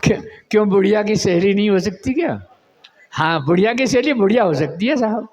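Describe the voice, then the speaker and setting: An older man, a comic poet, reciting humorous verse to a live audience in a drawn-out, half-sung way, repeating lines and chatting with the crowd between them. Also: high voice, animated, lo-fi sound.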